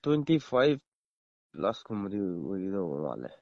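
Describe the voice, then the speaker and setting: A man's voice: low voice, sing-song, rapid-fire, gravelly, dry recording. A man on a phone call giving short, emphatic replies, heard through the phone. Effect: heard over a phone call. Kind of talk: casual phone conversation. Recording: muffled, dry phone call recording.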